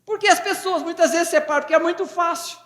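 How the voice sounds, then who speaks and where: A male pastor in his fifties preaches with fervor and folksy humor, his voice pitched very high for a man. He is recorded in an echoey church hall where his words ring out with a long reverb. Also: fast talker, a bit bright. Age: 50s. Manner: fervent, folksy preaching with jokes to the congregation. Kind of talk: sermon.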